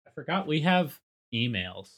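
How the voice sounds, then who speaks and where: Podcast co-host: man, young, bright tone, vocal fry, casual and slangy. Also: on the high side, sing-song, normal speed. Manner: loose, slangy.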